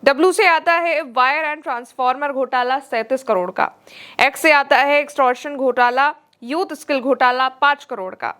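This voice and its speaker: High-pitched woman presenting news. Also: moderate pace, fairly bright tone. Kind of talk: scripted news narration.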